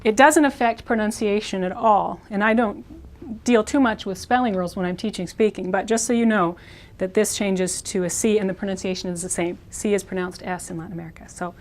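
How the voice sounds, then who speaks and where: A woman teaching a Spanish lesson, modeling words slowly and repeating each one. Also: medium pitch, a little mellow. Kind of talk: video language lesson.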